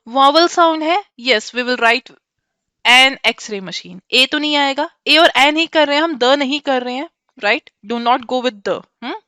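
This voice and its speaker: Indian woman teacher, high and bright, runs a class quiz and calls on students by name. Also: measured pace, dry recording, clean studio sound. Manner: mixes Hindi and English, quizzes students by name. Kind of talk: online class lesson.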